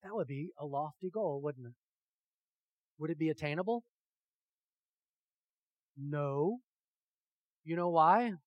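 A man preaching a sermon with emphatic rhetorical questions, swinging from hushed to loud and talking directly to his congregation. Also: fairly high pitch, animated, slow pace, long pauses, no room sound, lo-fi sound. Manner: talks with the congregation, asks them questions. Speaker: pastor.

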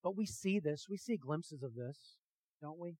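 A man's voice: on the high side, animated, moderate pace, dry recording, low-quality recording. Preaching man, rhetorical questions. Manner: emphatic preaching, rhetorical questions, swings from hushed to loud; talks with the congregation, asks them questions. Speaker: pastor. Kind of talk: sermon.

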